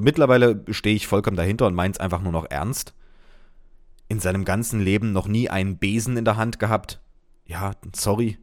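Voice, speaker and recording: A man reading out reactions to his post with sarcastic, deadpan asides in casual commentary. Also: lowish voice. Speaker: social media commentator.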